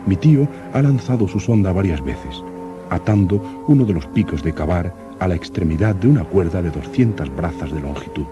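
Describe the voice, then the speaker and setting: An actor playing an earnest, curious young explorer who narrates his expedition diary like an old radio serial announcer, in formal, measured diction. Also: low-pitched, lively intonation, lo-fi sound. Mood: earnest narration. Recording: old radio drama with music.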